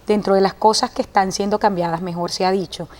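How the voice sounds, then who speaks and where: A woman's voice: medium pitch, fairly even intonation, quick pace, darkish tone. Affirming woman hosting a Bible study. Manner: affirming, with frequent short agreement sounds. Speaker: host.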